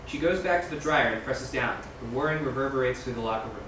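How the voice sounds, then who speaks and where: A man with a mid-range voice narrates scene directions from a script at a table read, moving at a quick pace. The large room echoes, and he sits far from the microphone. The result is a noisy, echoey, distant recording.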